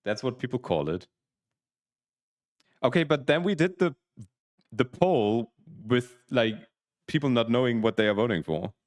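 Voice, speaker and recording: A man's voice: medium pitch, animated, a little slow, pauses often, dry recording, studio quality. A man in his twenties chatting casually on a livestream, rambling with restarts while explaining game rules. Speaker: streamer, PhD student.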